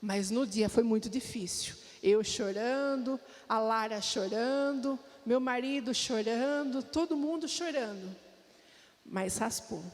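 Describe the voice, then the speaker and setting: Speaking slowly in a fairly high, slightly mellow voice, a Brazilian Portuguese-accented woman tells her personal story to a church congregation. Her testimony is heartfelt, and she frequently turns to address the listeners directly, all within the long reverb of a church hall.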